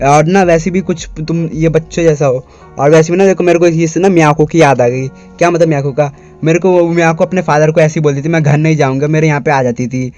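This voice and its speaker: A man's voice: fairly high pitch, dark tone. A man casually retelling an anime episode, stringing events together in a rambling way with frequent restarts. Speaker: anime recap narrator. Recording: dull lo-fi recording.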